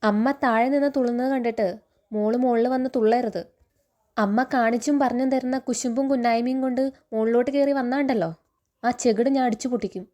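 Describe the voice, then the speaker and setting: A woman reading the lines of a stern father who scolds and teases his daughters, in a steady recounting tone. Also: on the high side, fairly quick, close to an everyday voice. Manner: stern, threatening.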